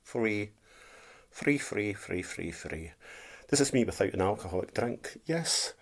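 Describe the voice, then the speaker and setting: A man's voice: lowish voice, creaky. A man in his fifties with a Dundee Scottish accent and a speech impediment that turns r into w, chatting casually and plainly in a rambling, repetitive way as a vlogger. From Scotland. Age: 50s.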